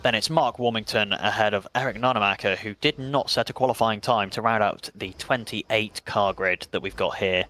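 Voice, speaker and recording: A man's voice: fairly low pitch, bright, forceful tone. English man calling a sim race. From England. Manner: brisk, chatty play-by-play with self-mocking asides. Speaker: race commentator. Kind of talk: sim racing commentary.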